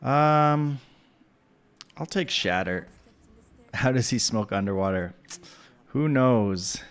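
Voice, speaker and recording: Slow, low, creaky gaming commentator man. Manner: thinking aloud, relaxed, many ums. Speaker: gameplay commentator.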